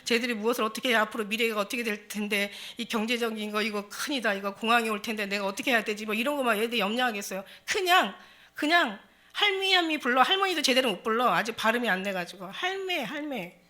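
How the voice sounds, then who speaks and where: An older woman pastor giving a lively, conversational sermon in a church, joking and laughing as she talks. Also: on the high side, racing, few pauses. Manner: lively, conversational preaching with laughs and dialect jokes.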